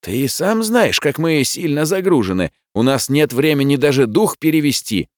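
A man voicing a calm, unbothered middle-aged chef who reasons things out patiently. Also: a little high, normal speed, dry recording, clean studio sound, pitched above the performer's own voice. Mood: reasoning. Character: easygoing middle-aged male restaurant chef. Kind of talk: audiobook character voice.

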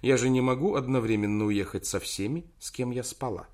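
A man reading an audiobook, voicing a young woman secretary in a soft, lightly raised voice. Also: mid-range voice, a little fast, natural voice. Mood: cool, teasing. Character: young woman secretary, calm and teasing, then tearful.

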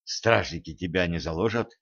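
A man reading an audiobook, voicing a cautious, quick-witted young woman who asks guarded questions. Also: fairly low pitch, lively intonation, muffled recording.

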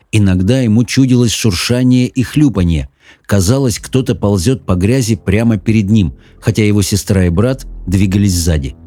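Low, dark-voiced male audiobook narrator. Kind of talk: scripted narration.

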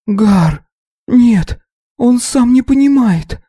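A man's voice: extremely high pitch, animated, very slow, mellow, husky, pitched above the performer's own voice, heavily acted. A man voicing a frightened eighteen-year-old girl who pleads in urgent cries. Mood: pleading.

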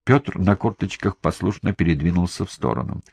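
Male audiobook narrator, very low and husky, grave steady reading, dry booth. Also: a little fast.

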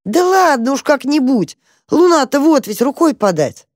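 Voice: high voice, normal speed, dry recording, studio quality, pitched above the performer's own voice. A storyteller voicing an eager, bossy young male mouse who coaxes his little brother along. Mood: coaxing. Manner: coaxing, excitable. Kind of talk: storybook character voice.

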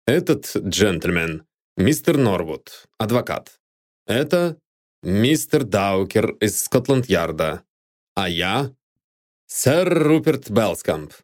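A man voicing a reserved, grieving nobleman who speaks slowly and quietly in an audiobook. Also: lowish voice, sing-song. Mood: subdued.

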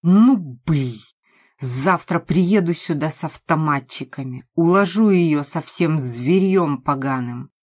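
A woman's voice: deep voice, lively intonation, slow pace, a little mellow, heavily acted. Woman playing a drunk, vicious thug woman. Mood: furious. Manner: rough, threatening, crude slang.

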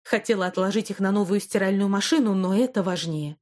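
A woman's voice: medium pitch, brisk, close to an everyday voice. A woman reading an audiobook, voicing a caring but stern elderly grandmother who scolds and comforts her granddaughter. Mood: reassuring. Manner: warm but stern, reassuring. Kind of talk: audiobook character voice.

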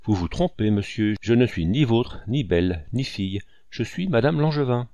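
A man reading an audiobook and voicing a composed, gently ironic young lady of the house. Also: mid-range voice, lively intonation, normal speed, no room sound, natural voice. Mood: poised.

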